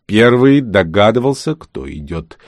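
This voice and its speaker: A man narrating a fantasy audiobook with an expressive, dramatic reading. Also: fairly low pitch, a little slow, dry recording.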